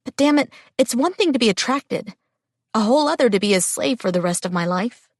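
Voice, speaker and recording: A woman's voice: on the high side, animated, brisk, no echo, studio quality. A woman narrator voicing a stubborn, sulky, defiant witch in an audiobook. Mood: exasperated. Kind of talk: audiobook character dialogue.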